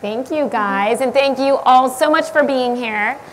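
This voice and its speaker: A woman moderates a panel at an event. Her voice sits fairly high and she poses questions in a relaxed, friendly manner. Faint ambience hums behind her. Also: a little slow, a little hiss or hum, low-quality recording. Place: event hall.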